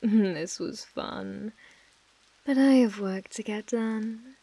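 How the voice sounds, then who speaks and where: A woman's voice: medium pitch, takes it slowly, gravelly, warm tone, breathy edge, no room sound, full character voice. A British woman playing an obsessive mafia heiress who speaks with controlling, condescending affection in an ASMR role-play. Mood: menacingly tender. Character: possessive, obsessive female mafia heiress, menacingly tender captor.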